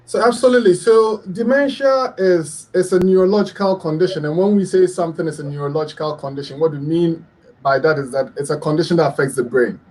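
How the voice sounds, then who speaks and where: Speaking fast in a darkish tone, a middle-aged man from Ghana explains health topics as a radio guest expert. Though his voice sits a little high for a man, he's earnest throughout, frequently saying um and restarting sentences.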